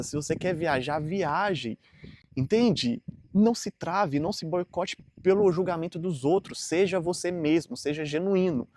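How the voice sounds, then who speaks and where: A man's voice: sits high, a little mellow. Earnest Brazilian man in his thirties. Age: 30s. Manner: earnest, rambling, frequent fillers. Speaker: vlogger. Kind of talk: casual motivational monologue to camera.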